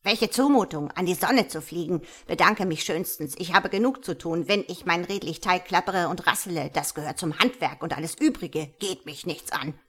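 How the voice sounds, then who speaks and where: A woman voicing a gruff, curt male woodpecker who dismisses the request briskly. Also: fairly low pitch, fairly bright tone. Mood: dismissive.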